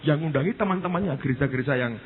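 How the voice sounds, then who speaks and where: A man, a pastor preaching a sermon and telling stories with lively asides to the congregation. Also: on the high side, very fast. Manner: animated storytelling, addresses the congregation as "saudara". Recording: tinny phone-like sound with faint noise.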